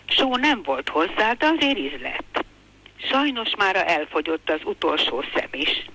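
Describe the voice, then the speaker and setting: An older woman reading a passage from her own memoir aloud in a calm, measured way. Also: lowish voice, a little hiss or hum, poor audio.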